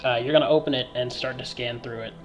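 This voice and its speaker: A man running a tabletop game as game master, narrating in a loose, halting way. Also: medium pitch, fairly even intonation, loud music behind the voice.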